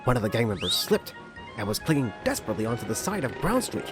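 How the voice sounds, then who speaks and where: A man's voice: medium pitch, very animated, quick pace. A man narrating a parody of a children's train story in storybook style, with music behind him.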